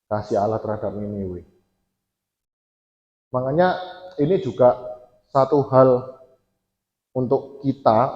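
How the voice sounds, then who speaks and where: East Javanese preacher in an echoing church. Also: male voice, medium pitch, darkish tone. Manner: conversational, addresses the congregation often. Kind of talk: sermon. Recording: echoey church hall, dull sound.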